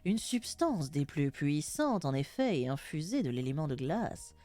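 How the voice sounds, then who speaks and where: A woman voicing an aged male wizard in a video game, speaking slowly and formally in a lowered voice. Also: big pitch swings, warm tone. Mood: solemn. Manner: slow, solemn lowered delivery.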